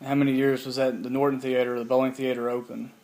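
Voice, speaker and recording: A man's voice: mid-range voice, flat delivery, fast talker, a little mellow, rough recording. A man casually interviewing a family member with simple, informal questions. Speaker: interviewer, the older man's son.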